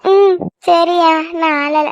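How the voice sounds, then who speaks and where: A tender mother who misses her son, played by a woman, speaks softly and emotionally in a very high cartoon voice. The sound is close and dry, with a slightly dull, lo-fi tone. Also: level tone, fairly quick, no echo. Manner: soft, emotional. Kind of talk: cartoon voice acting.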